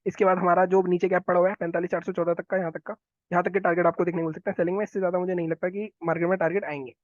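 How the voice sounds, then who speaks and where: A man talking viewers through market charts, quick and instructive, often repeating his phrases. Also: high voice, level tone, a little mellow, no room sound, lo-fi sound. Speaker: stock market analyst. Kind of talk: chart analysis walkthrough.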